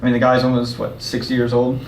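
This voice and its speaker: A man speaking as a podcast guest in a quiet, low-key, matter-of-fact way. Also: completely flat delivery, fast, a crowd in the background. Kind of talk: casual podcast chat. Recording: distant, echoey room mic with faint noise.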